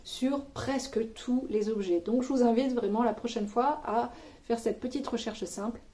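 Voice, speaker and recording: A woman talking straight to her viewers in a loose, chatty vlog, her voice pitched a little high. Her tone is mellow and soft-edged, and she drops slangy asides and teasing jokes as she goes. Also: moderate pace. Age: adult with children. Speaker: vlogger sharing money-saving tips. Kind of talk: casual chat to camera.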